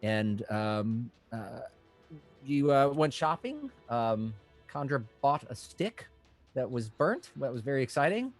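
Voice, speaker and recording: A man running a tabletop game as game master, narrating haltingly with many ums and restarts. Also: mid-range voice, big pitch swings, soft background music.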